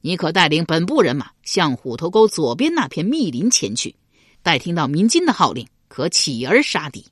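A woman's voice: low voice, sing-song, normal speed, slightly rough, no room sound, studio quality, full character voice. A woman voicing a wise, composed male chancellor in a spoken historical novel, giving firm orders. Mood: commanding.

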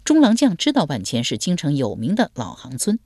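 A woman narrating a historical novel as an audiobook, in an expressive storytelling cadence. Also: deep voice, a little fast, dry recording, studio quality.

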